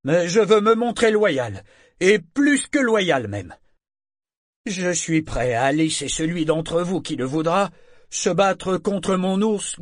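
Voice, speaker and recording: A man's voice: on the high side, no echo, clean studio sound, voice pushed up. A man voicing a cornered bear trainer who bargains insistently with a crowd.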